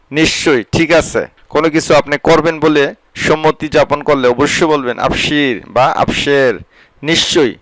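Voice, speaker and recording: A man with a fairly high voice teaches vocabulary, word by word. He says each term, gives its meaning, and repeats phrases slowly. The sound is close and dry, with no room around it. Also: dry recording, poor audio. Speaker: language teacher. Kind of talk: vocabulary lesson.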